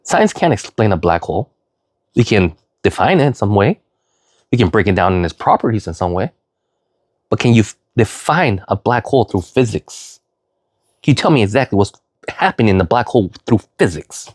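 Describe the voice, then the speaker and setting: With big pitch swings at normal speed, a cold-stricken middle-aged vlogger rambles sincerely, using plenty of fillers and "you know" and occasionally jumping into loud, high emphasis. The studio-quality recording has no room sound.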